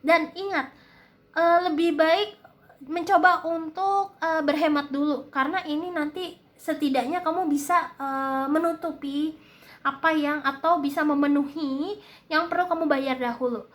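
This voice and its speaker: A woman with a high voice and an Indonesian accent gives a casual spoken reading. She has a slight lisp that now and then blurs her r. She explains and advises hesitantly, often searching for the right word. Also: fairly even intonation, measured pace. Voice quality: slight lisp, occasionally slurred r. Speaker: tarot-style reading host. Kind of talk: casual spoken monthly forecast with advice.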